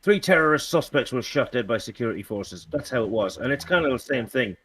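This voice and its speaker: A man in casual political chat, halting with many restarts and dry sarcasm. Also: medium pitch, animated, a crowd in the background. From Britain.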